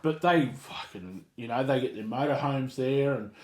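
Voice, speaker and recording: A man's voice: medium pitch, moderate pace, slight background noise. An Australian man co-hosting a casual chat, telling stories in a blokey, sweary, slangy way. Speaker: podcast co-host telling a gripe. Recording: roomy, echoey sound.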